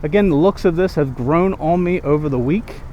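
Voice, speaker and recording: A man's voice: a little high, normal speed, dull audio, a little hiss or hum. A man giving a casual, off-the-cuff car review in a conversational, opinionated way, repeating words for emphasis, recorded on binaural microphones in and around a car.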